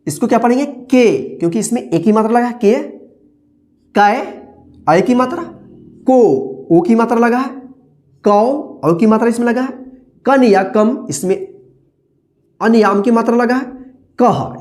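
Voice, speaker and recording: A woman's voice: fairly high pitch, darkish tone. A woman teaching Hindi vowel signs, patiently repeating each syllable and explaining step by step. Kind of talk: slow step-by-step reading lesson.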